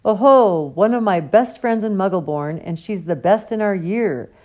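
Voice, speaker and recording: A woman's voice: mid-range voice, moderate pace, darkish tone, voice pushed up, natural voice. A woman voicing a genial, pompous older male potions teacher who talks theatrically.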